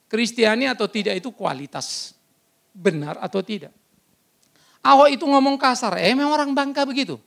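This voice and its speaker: Batak guy preaching loud n blunt, high voice that jumps all over, kinda gravelly. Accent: Batak Indonesian. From North Sumatra, Batak. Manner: loud, blunt, animated storytelling with sudden shouts. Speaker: pastor. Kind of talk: sermon. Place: church service.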